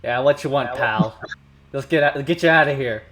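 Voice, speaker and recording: Man doing a sharp-toned, surly bouncer door creature. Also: mid-range voice, normal speed, close to an everyday voice. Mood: surly, dismissive. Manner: pushy, mocking street-tough address. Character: surly living wooden door acting as a bouncer. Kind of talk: tabletop role-play.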